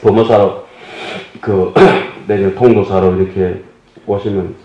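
A man's voice: sits low, level tone, unhurried. A man giving a Buddhist dharma lecture, explaining terms and asking his listeners questions with folksy humor. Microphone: table microphone. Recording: dull echoey hall audio.

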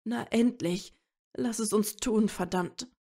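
Eager young man, woman reader, breathy, soft, pleading. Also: medium pitch, slow pace.

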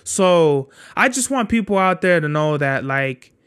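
Young male podcast host, high voice, rambling and profane, street slang. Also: expressive, a little slow, a bit bright, smooth. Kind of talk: casual solo monologue.

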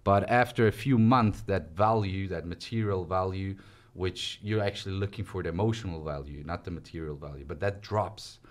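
A man's voice: sits low, normal speed. A young man from Switzerland, telling his story casually as a guest in a small podcast studio. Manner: relaxed, chatty storytelling with gestures. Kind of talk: casual interview conversation. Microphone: studio mic on stand.

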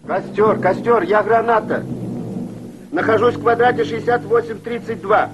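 A high-voiced officer yelling over a crackly field radio, muffled and noisy. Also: male voice, steady tone, normal speed. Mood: urgent. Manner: shouting urgently into the radio. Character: male army radio officer reporting position. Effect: heard over a field radio. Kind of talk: 1970 war film acting.

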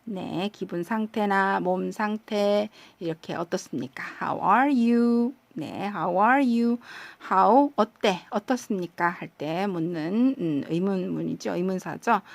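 A woman teaches an English lesson at a very unhurried pace, saying each practice phrase over and over. Her patient voice sits at a mid pitch. The recording is close and dry, with no room sound. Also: vocal fry, no echo.

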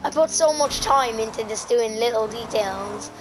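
Her voice is fairly high and her pace moderate as this young woman, a gaming creator, swears and uses slang through casual gameplay commentary, addressing her audience as "boys." Exhaustion shows in her hoarse, nearly lost voice, and background noise can be heard.

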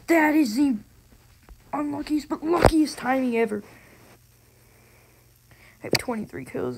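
A gaming video host giving casual, excitable gameplay commentary, slangy and given to frustrated exclamations, on a noisy recording with clicks. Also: sits high, gravelly.

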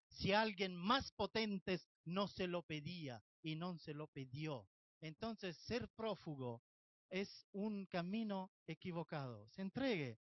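Impassioned Italian man, high voice. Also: no room sound, muffled recording. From Italy, Sicily. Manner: impassioned, demanding. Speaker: activist speaker. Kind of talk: public protest speech.

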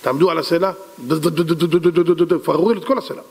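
Man playing a patient royal advisor, earnest and insistent, fairly high voice, echoey hall. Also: fairly even intonation, creaky, darkish tone, slightly rough. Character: calm, persistent royal advisor, middle-aged man.

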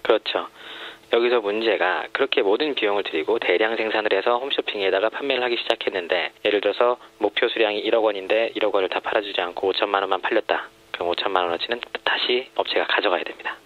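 Ein anonymer Mann, dessen Stimme elektronisch tief verfremdet ist. Er erklärt ruhig und sachlich, mit häufigem Zögern und Füllwörtern. Der Klang ist dumpf und gedämpft wie bei einer Radioübertragung. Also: male voice, lo-fi sound. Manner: measured, explanatory, frequent hesitations. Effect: voice disguised, pitch shifted deep. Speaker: former home shopping supplier, interviewee.

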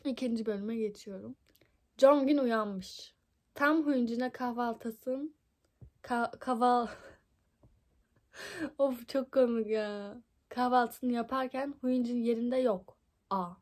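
A young woman reads a fan-written story aloud into her phone in an unhurried, slightly high voice. Her throat is scratchy and tickly, and she keeps stumbling, laughing and making fun of the text as she goes. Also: a little mellow. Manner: amused, mocking asides, frequent laughs and stumbles. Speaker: reader of a fan fiction book. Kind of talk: casual reading aloud, commenting and laughing.

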